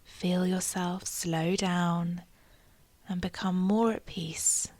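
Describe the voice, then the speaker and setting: In a low-ish, soft, breathy voice close to a whisper, a woman guides a meditation, calm and soothing, with measured phrasing and long pauses. A faint hiss or hum sits in the background.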